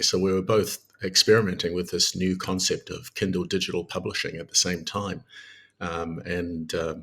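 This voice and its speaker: A man, a guest author on a podcast, answering in a measured way with frequent ums. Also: low-pitched, a bit bright, husky.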